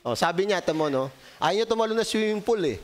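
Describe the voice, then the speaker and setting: A man's voice: high voice, expressive, quick pace, low-quality recording. A man with a Filipino accent preaching an interactive Sunday sermon, calling on members by name and joking with them. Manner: calls on congregation members by name, jokes, asks questions; polite Tagalog with frequent po and ho. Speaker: pastor.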